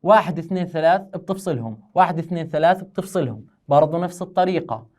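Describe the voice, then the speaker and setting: A man's voice: fairly high pitch, lively intonation, quick pace, a little mellow. A male teacher, speaking patiently and methodically. He breaks the material into small steps and counts out syllables one at a time in a conversational recorded lesson. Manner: patient, explains step by step, counts syllables aloud. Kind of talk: recorded lesson on poetic meter.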